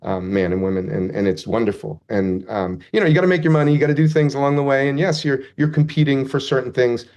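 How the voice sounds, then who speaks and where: Speaking fast with few pauses, a man with a medium-pitched, darkish voice chats casually as an interview guest, and the audio is dull. He rambles in a heartfelt way and now and then pokes fun at himself.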